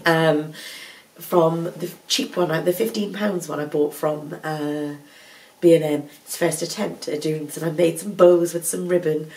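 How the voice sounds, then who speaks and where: A full-time mum vlogger, stuffed up with a cold, chats to the camera from her living room, rambling and correcting herself. Her deep, darkish voice is steady and unhurried. A tripod-mounted camera captures her from somewhat far off.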